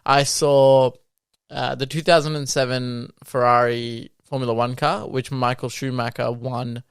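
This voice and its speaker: A man's voice: mid-range voice, level tone, measured pace, smooth, no echo, clean studio sound. A man co-hosting a car podcast, chatting casually and enthusiastically, rambling with fillers. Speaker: podcast co-host. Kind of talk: casual chat.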